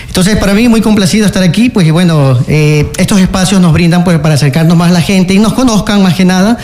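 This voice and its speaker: A man's voice: sits high, fast, darkish tone. A man, a guest on a radio interview, speaking earnestly with many fillers and restarts. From Ecuador. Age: 40s. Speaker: interview guest, local candidate and teacher.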